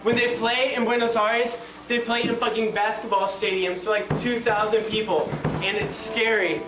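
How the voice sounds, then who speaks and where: A man with a high voice gives loose, profane stage banter as a punk singer between songs. He rambles informally through a PA in a small, echoey venue, with music sounds behind him. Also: level tone, normal speed. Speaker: punk band singer addressing the audience. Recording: echoey live room recording, distant PA sound.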